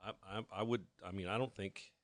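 A man in his fifties, a guest telling his story candidly in a halting way that often restarts with repeated words. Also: on the low side, fairly even intonation, no echo, clean studio sound. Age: 50s.

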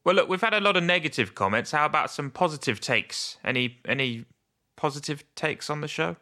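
A male podcast host trades dry, wry banter. His voice has a gravelly texture with a bright, tense edge. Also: fairly high pitch, expressive, brisk.

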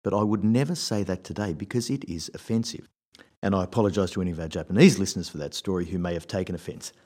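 A man gives workplace advice in a wry, conversational storytelling manner. His voice sits a little low. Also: quick pace, darkish tone. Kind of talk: scripted advice talk with anecdotes.

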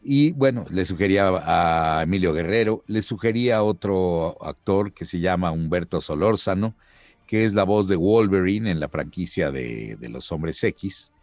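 A middle-aged man, a voice actor, telling a lively anecdote in an interview and acting out the voices he quotes. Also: deep voice, moderate pace, no room sound. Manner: lively storyteller who acts out quoted voices.

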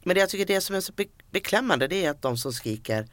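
A woman's voice: fairly low pitch, lively intonation, no echo. A woman co-hosting a casual podcast, musing in long run-on thoughts. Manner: chatty, reflective, talks in long run-on thoughts. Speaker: podcast co-host.

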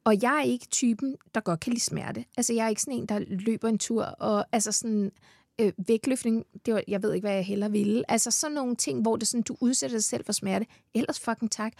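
A woman's voice: on the high side, vocal fry, a little mellow, no echo, clean studio sound. A heavily pregnant Danish woman chatting as a podcast guest, enthusiastic, swearing freely and laughing often. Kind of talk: casual chat. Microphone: studio mic.

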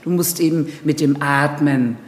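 A voice actor chats casually in an interview, effusive and emphatic in a colloquial way. She speaks in a low voice at a measured pace, and the room is echoey and reverberant.

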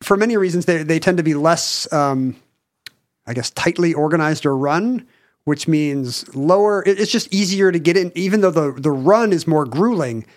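An American man co-hosting a podcast, rambling and halting, with dry humor. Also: a little high. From United States. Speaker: podcast co-host. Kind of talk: casual chat. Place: Pacific Northwest.

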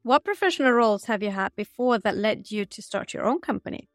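A woman's voice: fairly high pitch, expressive, fairly quick, dry recording, studio quality, faint music behind. A woman hosting an interview, reading out scripted questions in an upbeat, structured way. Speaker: interview host.

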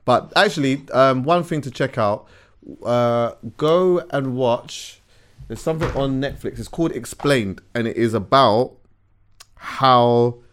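A man's voice: medium pitch, unhurried, fairly bright tone, clear, resonant tone. A man, co-hosting a podcast in casual, rambling chat. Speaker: podcast co-host.

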